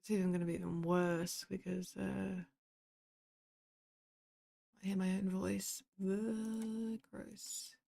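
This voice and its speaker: A woman's voice: mid-range voice, flat delivery, takes it slowly, vocal fry, long pauses, dark tone. A woman streamer chatting casually while sorting out a game event on her computer, swearing and making sarcastic asides.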